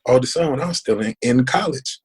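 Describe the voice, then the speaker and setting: A man's voice: medium pitch, animated, brisk, darkish tone, slightly rough. A man in his forties, a podcast guest, talking earnestly and emphatically, repeating questions to drive his point home. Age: 40s. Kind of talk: casual conversation.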